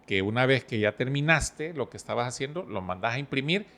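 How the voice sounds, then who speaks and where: A middle-aged man talks as a podcast guest. He speaks in a calm, measured voice at an ordinary pitch. He unpacks his ideas through personal stories and everyday analogies. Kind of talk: relaxed podcast conversation.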